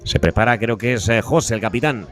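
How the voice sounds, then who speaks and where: A man giving live beach soccer play-by-play as a commentator, with breakneck goal commentary and drawn-out, repeated goal calls. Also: on the low side, lively intonation, soft background music, some chatter behind. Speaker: sports commentator.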